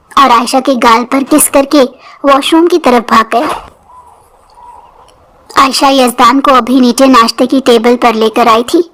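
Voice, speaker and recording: A woman storyteller reads an emotional story aloud with dramatic expression. Her voice is high, and she carries the narration with feeling. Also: a bit bright.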